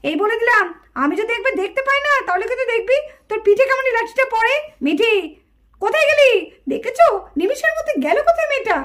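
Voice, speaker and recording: A woman's voice: extremely high pitch, animated, fast, fairly bright tone. A woman voicing a strict, angry mother in a puppet cartoon who scolds and threatens her daughter. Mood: angry, threatening.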